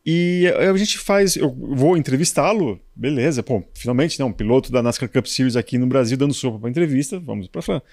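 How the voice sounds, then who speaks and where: A man from Brazil trading motorsport stories in a relaxed conversation. His pitch swings widely as he animates each anecdote, and the sound is dry and close with no room around it. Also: brisk, hardly any pauses, no room sound. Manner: lively, animated anecdote telling with colloquial asides. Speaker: motorsport journalist. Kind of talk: casual storytelling in a conversation.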